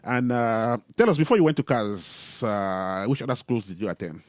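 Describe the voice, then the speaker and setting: Measured man hosting radio. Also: medium pitch, animated, dry recording, studio quality. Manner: measured, with frequent "uh" and "um" pauses. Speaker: radio show host. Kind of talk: radio interview. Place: radio studio.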